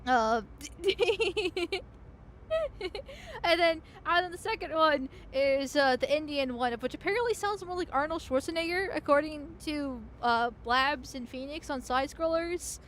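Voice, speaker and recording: Brief: high-pitched woman streamer, giggly and rambling, casual game chat. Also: measured pace, a bit bright, a little hiss or hum. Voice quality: chatty, giggly, stumbling restarts. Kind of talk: casual gaming commentary.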